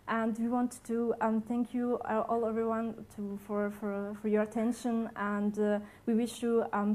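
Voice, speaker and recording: A woman with a somewhat high, slightly mellow voice gives a conference presentation in a conference hall. She sounds hesitant, with many fillers, restarts, and non-native phrasing.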